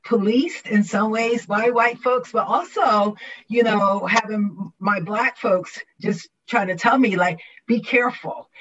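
A woman's voice: fairly low pitch, husky. A woman from Trenton, New Jersey, telling her story thoughtfully in a group discussion. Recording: distant, dull lo-fi mic.

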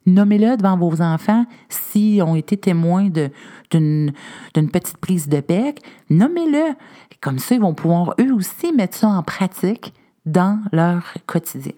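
A woman's voice: fairly low pitch, a little slow. A woman with a Québécois French accent giving parenting advice in casual conversation, acting out short scenes of what a parent might say. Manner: animated, acts out little scenes of what parents can say. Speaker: parenting expert guest.

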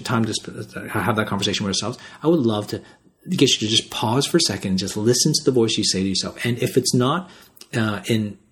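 A man co-hosting a podcast, talking in an earnest, emphatic, repetitive motivational way. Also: on the low side. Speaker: podcast co-host.

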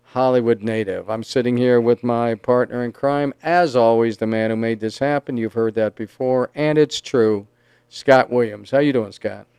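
A man's voice: medium pitch, fairly even intonation, normal speed, a little mellow, clear, resonant tone, no echo, clean studio sound. A man hosting a casual interview podcast, upbeat and promotional, with a Southern Californian accent. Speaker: podcast host.

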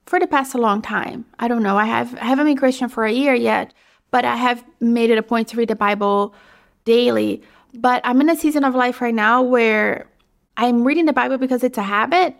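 A woman's voice: a little high, creaky. Chatty woman podcaster, a bit breathless. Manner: chatty, frequent fillers like "you know". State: slightly out of breath. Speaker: podcast host. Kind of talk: casual solo podcast monologue.

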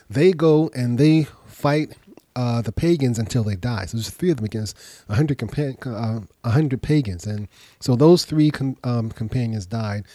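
Slightly nasal man with a dry, dark voice. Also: mid-range voice, dry recording. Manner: explanatory, pausing to rephrase and repeat. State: getting over a cold. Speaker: podcast host. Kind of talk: informal history storytelling lecture.

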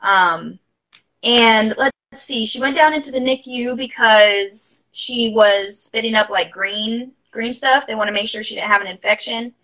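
A woman's voice: a little high, unhurried, bright, forceful tone, poor audio. A young mother talking openly and casually as a podcast guest, with many fillers and laughter in her talk. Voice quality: chatty, many fillers and asides. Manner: open and heartfelt, laughs while talking. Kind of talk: casual interview storytelling.

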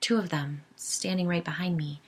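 A woman's voice: lowish voice, steady tone, moderate pace, breathy edge. Woman voicing a touchy defensive yogi wife. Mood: hushed. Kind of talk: audiobook character voice.

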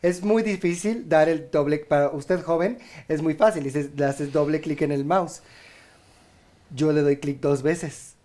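A woman's voice: sits low, a little slow, warm tone. A woman co-hosting a casual comedy chat, playfully acting out sounds as she jokes. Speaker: co-host.

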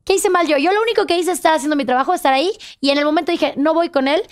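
A woman with a Mexican Spanish accent, telling a story with emphatic, animated delivery in a casual panel chat. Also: sits high, racing. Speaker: sports reporter guest.

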